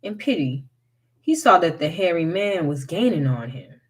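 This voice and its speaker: A woman reading a folktale aloud as a storyteller, in an unhurried, expressive way. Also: on the low side.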